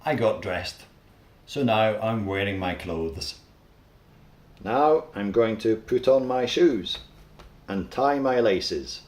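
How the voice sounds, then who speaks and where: A man teaching English, slowly narrating everyday actions in a clear, deliberate way. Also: on the low side, animated, a little mellow, reverberant. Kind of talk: slow, simple narration of daily actions.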